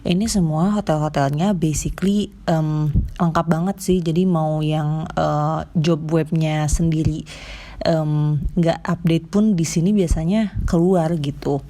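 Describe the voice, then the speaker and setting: A woman's voice: low voice, fairly even intonation, measured pace, warm tone. A young woman with an Indonesian accent explaining things casually to viewers, chatty and informal, often correcting herself. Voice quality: slight trouble pronouncing some sounds. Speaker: vlogger giving job advice.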